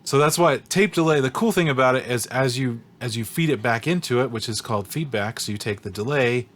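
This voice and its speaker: A man co-hosting a podcast, explaining audio effects in a relaxed way. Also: medium pitch, brisk. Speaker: podcast co-host. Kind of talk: casual chat.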